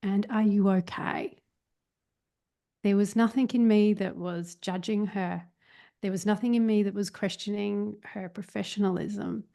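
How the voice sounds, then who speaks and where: Gravelly-voiced woman musing aloud. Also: mid-range voice, steady tone, normal speed, mellow. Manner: searching, with many fillers and restarts. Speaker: guest, meditation teacher. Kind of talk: reflective podcast conversation.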